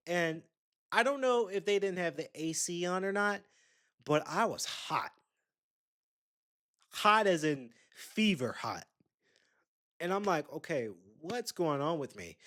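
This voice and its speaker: A young podcast host with a high-pitched, lively voice tells a rambling, chatty story directly to his listeners, throwing in asides. He takes his time, and his tone is fairly bright.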